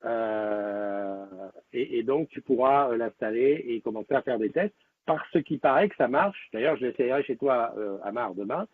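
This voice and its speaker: A man with a husky, slightly rough voice chats loosely with his viewers, drifting between thoughts with fillers and restarts. His voice comes through thin and tinny, like a phone line. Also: medium pitch, expressive, moderate pace, dry recording. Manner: rambling, with many fillers and restarts. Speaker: live-stream host. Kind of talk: casual live-stream chat with viewers.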